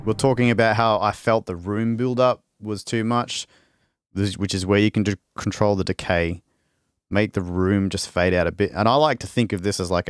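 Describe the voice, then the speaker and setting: Low-voiced man demoing music software. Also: no room sound, clean studio sound. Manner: loose and rambling, with restarts while working. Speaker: music producer demonstrating a sample library. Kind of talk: casual live-stream demo.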